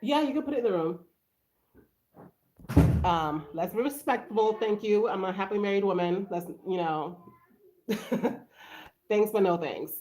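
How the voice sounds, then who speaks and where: A woman's voice: mid-range voice, normal speed, pauses often, noisy background. A woman from Haiti hosting a casual live stream, greeting viewers and answering their comments aloud in a chatty way. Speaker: livestream host.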